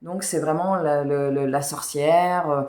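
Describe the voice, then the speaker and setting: A woman's voice: low voice, steady tone, a little slow, darkish tone. A woman book vlogger chatting casually and rambling about her reading pile, with slightly unclear diction. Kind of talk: casual chat. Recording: echoey room.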